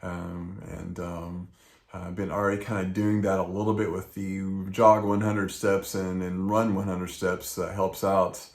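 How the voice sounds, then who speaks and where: Low-voiced man in a casual running vlog. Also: little pitch movement, unhurried, reverberant. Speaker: running vlogger. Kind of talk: casual vlog talk to camera.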